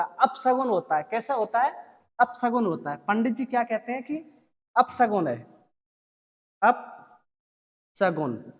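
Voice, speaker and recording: A teacher tells a story as a lesson, constantly asking the class quick questions and answering them. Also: medium pitch, a little mellow, long reverb tail.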